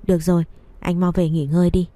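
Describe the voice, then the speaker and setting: A woman voicing a calm, gentle young woman in a read-aloud story. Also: lowish voice, fast, no echo, close to an everyday voice. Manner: gentle, reminding.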